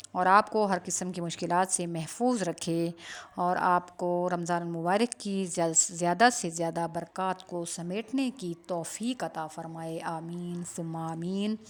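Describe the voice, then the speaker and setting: A woman teaching Quran pronunciation, patiently explaining each sound and then reciting it slowly. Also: on the low side. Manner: patient and instructive, often asks then answers her own question. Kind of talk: pronunciation lesson with slow demonstrations.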